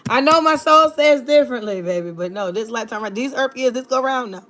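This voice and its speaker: Talking straight to her stream chat, a thirtysomething woman from Virginia keeps things sassy and playful. Her voice is a little high, a bit bright and expressive, at a moderate pace.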